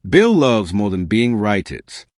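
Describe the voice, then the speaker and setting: A man's voice: on the low side, sing-song, a little slow, dry recording, clean studio sound. A man narrating scripted commentary in a sardonic, mocking manner.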